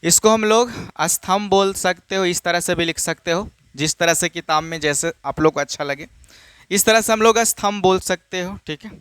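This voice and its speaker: A man's voice: high-pitched, moderate pace, a bit bright, smooth, dry recording. A man teaching a maths lesson, often asking a question and answering it himself, and calling his students children. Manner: repetitive, asks and answers his own questions; casual, addresses students as children.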